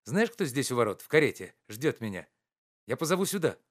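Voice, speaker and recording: Devoted, urgent friend, read by a man: raised pitch, quick, insistent, for a storybook reading. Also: very animated, natural voice. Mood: urging. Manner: raised, fast, insistent pleading.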